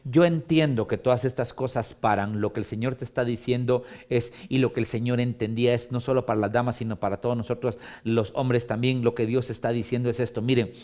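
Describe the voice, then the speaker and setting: A man, a pastor leading a Bible study, expressive and given to emphatic repetition. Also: medium pitch, brisk, few pauses. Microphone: streamed broadcast.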